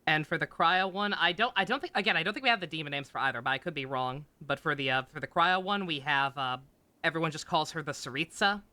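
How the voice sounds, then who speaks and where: This streamer's voice is a little high and sharp, and he talks fast. While playing a video game with music in the background, he rambles casually, frequently pausing and letting his thoughts trail off.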